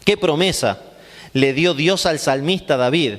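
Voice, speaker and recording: Male pastor, high voice, emphatic and repetitive, heard in a long-reverb hall. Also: measured pace, a bit bright. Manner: asks rhetorical questions and answers them himself; emphatic, repeating phrases for stress. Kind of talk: Bible class sermon.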